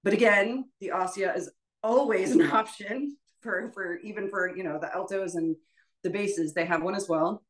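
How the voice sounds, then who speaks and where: Leading a workshop, a woman voice teacher gives informal spoken instruction in a mid-range voice at normal speed. She sounds tentative and self-deprecating, often trailing off, and the recording is rough.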